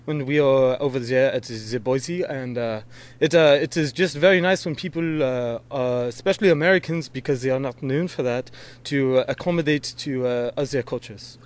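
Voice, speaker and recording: French guy w/ accent, baseball player answering questions slowly, lots of uhs, mid voice. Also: mid-range voice. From France. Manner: halting, many pauses and fillers. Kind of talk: casual interview answers.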